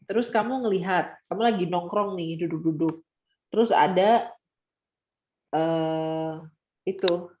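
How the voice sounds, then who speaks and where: A woman mentoring students online, explaining with lively acted-out examples. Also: fairly low pitch, reverberant. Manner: animated, acts out scenes with quoted voices.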